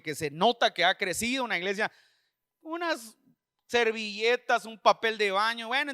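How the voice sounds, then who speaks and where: High-pitched, bright-voiced preacher man. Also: smooth, dry recording, studio quality. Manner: impassioned, repetitive preaching with direct address. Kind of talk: sermon. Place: church service.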